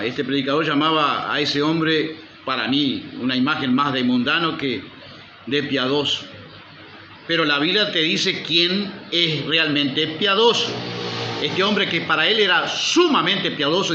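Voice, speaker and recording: A man's voice: on the high side, pushed and bright, slight background noise. A male pastor preaching a sermon, firing rhetorical questions at the congregation and calling for amen. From Uruguay. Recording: roomy, slightly dull church recording.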